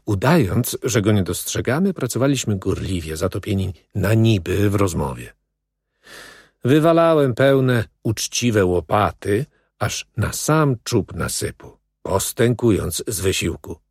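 Brief: male reader, steady literary narration, lowish pitch, dry studio sound. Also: a little slow, slightly rough, no room sound. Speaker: audiobook reader.

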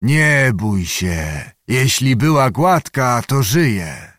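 A man's voice: mid-range voice, big pitch swings, very slow, no echo, clean studio sound, heavily acted. A man doing a drunken, belligerent nobleman. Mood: drunken mocking. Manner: loud, mocking, belligerent. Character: drunken, quarrelsome nobleman, crown official.

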